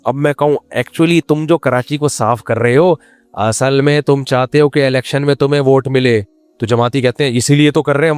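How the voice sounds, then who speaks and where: A man's voice: a little high, dry recording. A man, a religious scholar answering questions with teasing humor, acting out quoted pleas.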